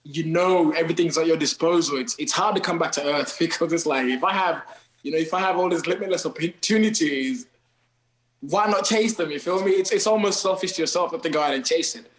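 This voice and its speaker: A man's voice: a little high, fairly quick, reverberant, poor audio. A man from Kenya, a guest on a podcast, talking loosely in slang and calling everyone bro and man. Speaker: podcast guest, TikTok creator. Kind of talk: casual podcast chat.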